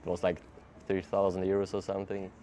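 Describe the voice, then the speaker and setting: Talking fast in a low voice with faint music behind him, a young German-accented man answers English interview questions on a city street. The traveler is relaxed and easygoing, laughing often, and his non-native phrasing is loose. It's a casual street interview outdoors.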